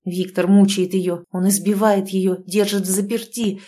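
A woman's voice: mid-range voice, level tone, measured pace, warm tone, lightly acted. A woman reading the part of a brooding young male officer who pleads urgently.

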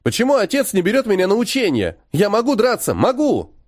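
A man's voice: sits high, huge pitch swings, brisk, no echo, studio quality, pitched above the performer's own voice, heavily acted. A man voicing a stubborn, sulky fifteen-year-old boy who talks back defiantly.

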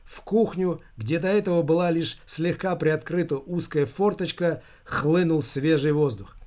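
A man with a fairly high voice reads a novel aloud. His narration is even and measured, in a scripted storytelling style. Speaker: audiobook narrator.

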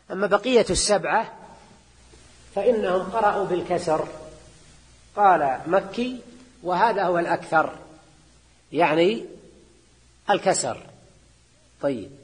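A man teaching a class as a sheikh, often prompting his listeners with a quick questioning "ha?". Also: high voice, breathy edge. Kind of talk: classroom lecture. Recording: long hall reverb.

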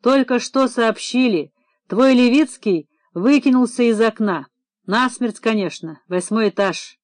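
A woman voicing a hurried male night duty officer who reports in an urgent, clipped way. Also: a little high, darkish tone, no room sound, lightly acted.

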